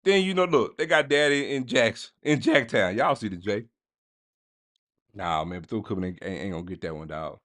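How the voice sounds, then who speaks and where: Animated man hosting a sports podcast. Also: lowish voice, normal speed, no echo, clean studio sound. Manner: animated, slangy, talks straight to listeners and chat. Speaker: podcast host. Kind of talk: casual sports podcast monologue.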